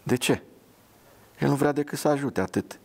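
A man's voice: mid-range voice, vocal fry, husky, voice pushed up. A man voicing a pious, blunt young woman dressed as a nurse, with an earnest, scolding manner.

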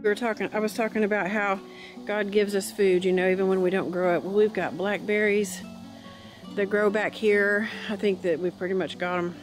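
Holding her phone camera as she walks, a woman cheerfully chats her way through her backyard garden, thinking aloud for a casual homestead vlog tour. She has a mid-range voice with fairly even intonation and talks a little fast. Guitar music plays underneath, and the audio is poor.

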